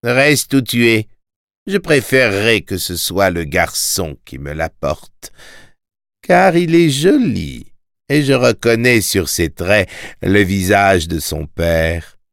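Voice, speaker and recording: A man voicing a sinister, mocking male tax collector in a storybook, sly and taunting with sudden loud commands. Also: fairly low pitch, sing-song, slow, gravelly, no room sound, clean studio sound, heavily acted. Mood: smug.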